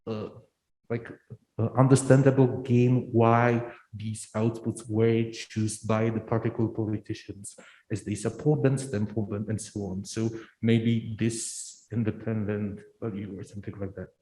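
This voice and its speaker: A man asks a question from the audience in a low, mellow voice. He stops and restarts often and fills gaps with "like". The room is echoey around him. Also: little pitch movement. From Czech Republic. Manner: halting, leans on filler "like". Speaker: audience member asking a question. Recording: roomy hall sound.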